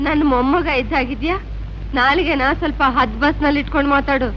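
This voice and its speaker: A woman's voice: high-pitched, brisk, slight background noise, lightly acted. An actress playing a poor old grandmother who pleads and scolds. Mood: scolding. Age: older. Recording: dull old film soundtrack with music.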